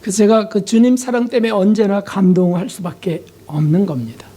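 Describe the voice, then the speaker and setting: Man preaching a heartfelt sermon, confessional tone, dramatic pauses and soft trailing endings. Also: high voice. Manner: asks the congregation rhetorical questions. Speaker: pastor.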